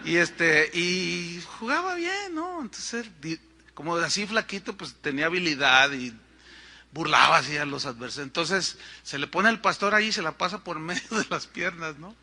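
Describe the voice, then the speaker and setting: A middle-aged man with a Mexican accent preaching a sermon, telling stories in an animated way and acting out the people in them. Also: fairly high pitch, normal speed. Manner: animated storytelling with acted-out quotes. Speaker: pastor.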